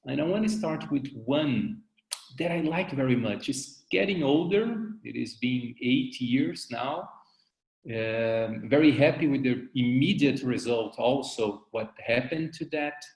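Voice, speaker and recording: A man from Brazil, a dentist giving an online lecture, halting and repeating words as he goes. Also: mid-range voice, lively intonation, gravelly, a little mellow, roomy sound. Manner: halting, repeats words, loose non-native grammar. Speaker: dentist presenting cases.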